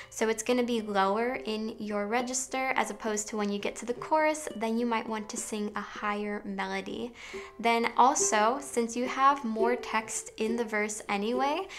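A woman's voice: a little high, fairly bright tone. A young woman teaching songwriting in an upbeat, explanatory way, now and then singing short demonstration phrases. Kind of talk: online songwriting lesson.

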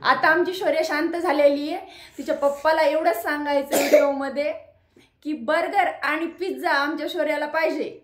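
A mother filming a casual home vlog, gently coaxing and prompting her child with short repeated questions. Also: high-pitched, fairly even intonation, normal speed. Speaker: mother and vlogger. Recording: echoey room.

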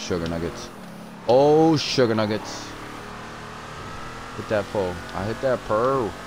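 A man casually commenting on his game as a streamer, thinking aloud in relaxed slang and often repeating phrases. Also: on the low side, background noise.

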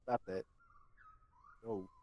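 A man's voice: very slow, dark tone, dry recording. Exasperated man, dry close sound. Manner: exasperated, confused questioning. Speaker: player on a game stream. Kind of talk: casual chat on a game stream.

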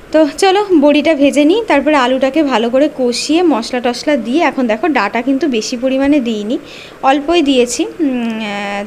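Pregnant woman from West Bengal, high bright voice, chatty cooking narration, faint noise under it. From West Bengal, India. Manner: chatty, explains as she cooks. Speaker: village vlogger. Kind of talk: casual cooking vlog chat.

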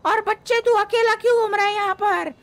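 A woman's voice: extremely high pitch, fairly even intonation, brisk, a bit bright. A woman voicing a menacing female ghoul who lures a child with false sweetness, in a game role-play. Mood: sly coaxing. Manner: falsely sweet, then gloating.

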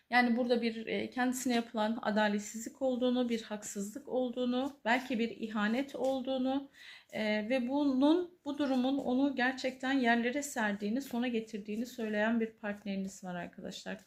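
A woman giving a tarot reading to her viewers, earnest, pausing often with drawn-out fillers. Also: a little high. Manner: hesitant, many drawn-out fillers, soft and earnest. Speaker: tarot reader.

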